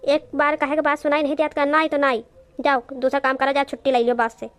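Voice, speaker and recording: A woman voicing a sharp-tongued, bossy old mother in a cartoon, scolding in an Awadhi accent. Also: high voice, little pitch movement, fast. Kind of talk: cartoon voice acting.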